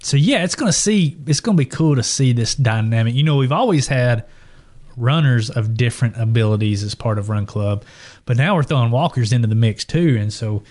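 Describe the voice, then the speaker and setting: A man's voice: medium pitch, expressive, a little fast, darkish tone. A man co-hosting a podcast in casual chat, talking enthusiastically and restarting his sentences often. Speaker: podcast co-host.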